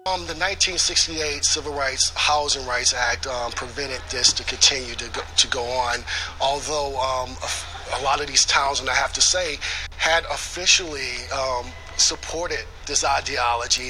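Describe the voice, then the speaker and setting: Earnest man over clear background noise. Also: medium pitch, sharp tone. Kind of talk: interview discussion. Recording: noisy recording.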